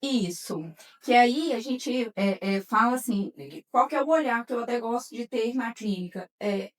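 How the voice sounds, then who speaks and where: Woman, Brazilian Portuguese accent, psychologist, patient explainer, fillers, higher pitch, a little off mic. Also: normal speed, recorded from a distance. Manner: patient, explains with everyday examples and many fillers. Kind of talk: explanatory podcast talk.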